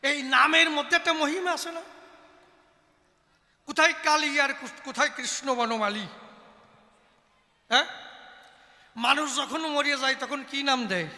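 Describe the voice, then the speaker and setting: High-voiced guy chanting folk verse on stage, sharp bright tone, long echo off the hall. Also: a little slow, long pauses. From West Bengal. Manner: chanting sing-song, calls out to audience. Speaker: kobi gaan performer. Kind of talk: sung and declaimed folk debate poetry.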